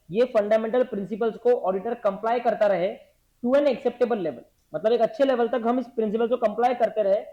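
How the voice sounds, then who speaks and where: A man's voice: very high voice, warm tone. Man teaching, drilling the class with questions. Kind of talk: classroom lecture, dictating notes. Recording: dull lo-fi classroom recording.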